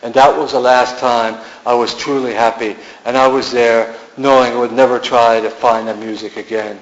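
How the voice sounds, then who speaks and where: A man's voice: mid-range voice, little pitch movement, moderate pace. A man giving a poetry reading in an art gallery, with a musing, incantatory delivery and repeated refrains. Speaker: poet. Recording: echoey room, dull lo-fi sound.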